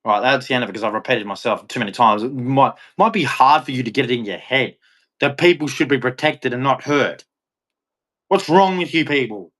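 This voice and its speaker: An Australian live streamer with a medium-pitched, fairly bright voice talks fairly quickly. He rants bluntly and confrontationally at his chat in a monologue, then signs off with a preachy religious message.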